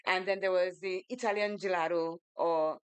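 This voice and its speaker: Grenadian woman radio co-host, animated storyteller, dry close sound. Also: on the low side, moderate pace, clean tone, no echo. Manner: animated storyteller, acts out quoted voices. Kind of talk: casual radio talk with storytelling. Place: radio studio.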